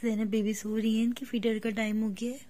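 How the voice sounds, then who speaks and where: A woman with a hoarse voice, chatting casually in a home vlog and talking to her children. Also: fairly high pitch, level tone, brisk. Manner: talks softly, near a whisper, while the baby sleeps. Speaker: vlogger.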